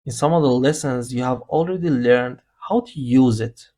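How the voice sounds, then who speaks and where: At normal speed and with a mellow, mid-range voice, a language teacher walks beginners through grammar. His lesson narration is slow and explanatory, patiently handling one rule at a time.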